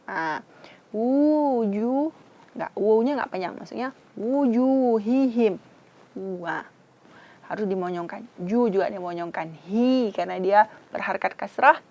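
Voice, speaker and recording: A woman's voice: mid-range voice, normal speed, lo-fi sound. A woman from Indonesia with an Acehnese accent, teaching Quran recitation and patiently sounding out each syllable. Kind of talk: slow, careful tajwid instruction.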